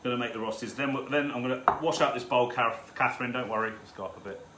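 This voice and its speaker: A man's voice: medium pitch, steady tone, fast. Man, live cooking stream, swearing banter, echoey kitchen, noisy background. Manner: chatty, swears, banters with viewers. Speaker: home cooking host. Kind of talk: live cook-along stream. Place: home kitchen. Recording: roomy kitchen with background noise.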